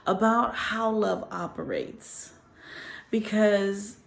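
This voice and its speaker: Gravelly-voiced woman talking earnestly. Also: lowish voice. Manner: earnest, animated storytelling with laughter. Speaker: channel host. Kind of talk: casual spoken reflection.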